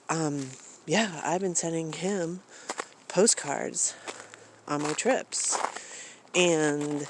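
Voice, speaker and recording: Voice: medium pitch, a little hiss or hum, poor audio. A vlogger talking casually into a phone camera at home, rambling with lots of fillers and restarts. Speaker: travel vlogger.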